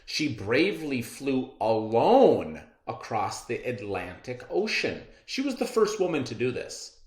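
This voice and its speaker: Unhurried and encouraging, a teacher conducts a children's reading lesson, with a voice that jumps up and down in pitch as he reads aloud and explains. His talk is lively, and the room has a noticeable echo.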